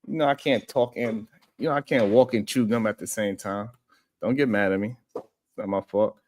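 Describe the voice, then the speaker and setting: A man's voice: mid-range voice, fairly quick, slight background noise. A man hosting a casual livestream, talking loosely and rambling as he greets viewers in the chat and chuckles often.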